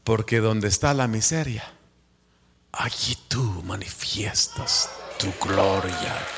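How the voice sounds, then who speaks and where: A man from Guatemala with a Guatemalan Spanish accent, preaching a sermon. He drops to hushed whispers, then rises to fervent shouts. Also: fairly low pitch, slow pace, gravelly, big-room sound, noisy background.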